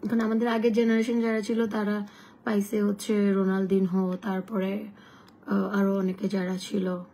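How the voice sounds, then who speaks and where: A hoarse woman chatting casually with viewers on a live stream and pitching offers from her shop. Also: little pitch movement, normal speed, dark tone. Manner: chatty, addresses viewers directly, switches to sales pitch.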